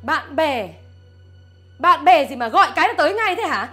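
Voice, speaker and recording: A woman's voice: sing-song, moderate pace, fairly bright tone, faint music behind. A woman playing a scornful, scheming mother-in-law who nags and wails melodramatically. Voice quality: shrill, scornful, melodramatic wailing. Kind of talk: web drama acting.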